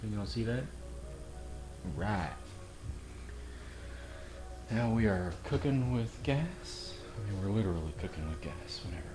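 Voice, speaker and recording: Unhurried and expressive, with long pauses, this fairly low-pitched man runs a relaxed cooking channel from his own kitchen. He jokes, pokes fun at himself and talks to his viewers, while faint music plays in the echoey space.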